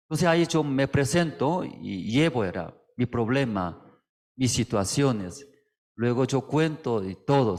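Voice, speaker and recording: Un pastor predicando un sermón con frases sencillas y entrecortadas, muchos "mm" y preguntas retóricas al público. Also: male voice, mid-range voice, darkish tone. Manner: halting, simple phrasing with frequent "mm" and rhetorical questions. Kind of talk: sermon. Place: church service, streamed online.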